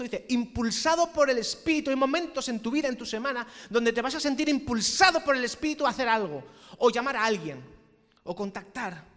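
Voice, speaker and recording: A man from Spain preaching a sermon as pastor, animated and playful, with shouted peaks. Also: very high voice, in a large hall. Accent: Spanish from Spain.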